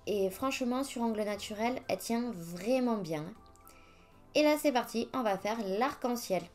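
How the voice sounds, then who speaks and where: This nail artist has a fairly high, lively voice, a moderate pace, and a slightly mellow quality. She chats her way through a step-by-step nail art tutorial, joking about her own errors, while faint music plays.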